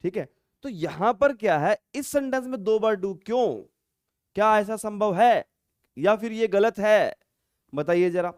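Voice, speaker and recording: A man's voice: high-pitched, animated, unhurried, darkish tone, smooth, dry recording, studio quality. A man teaching an English grammar lesson step by step, asking the viewer rhetorical questions and acting out insistent replies to show emphasis. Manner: acts out emphatic retorts in an insistent tone. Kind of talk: classroom-style grammar lesson.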